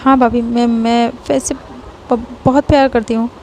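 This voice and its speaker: A woman's voice: a little high, little pitch movement, measured pace, mellow, slight background noise. A woman voicing a timid, nervous young schoolgirl who stammers and repeats her words. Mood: scared.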